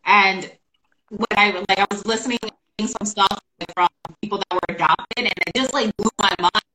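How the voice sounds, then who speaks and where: A woman with a bright, forceful voice co-hosting a chat show over a video call. She is chatty and opinionated, and fills her sentences with "like" as she works through her thoughts. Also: mid-range voice, moderate pace, slight background noise, low-quality recording. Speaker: podcast co-host.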